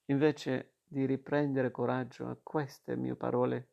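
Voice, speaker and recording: Slow gravelly man reading a novel. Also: medium pitch. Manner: slow, steady literary reading. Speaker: reader. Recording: dull lo-fi recording.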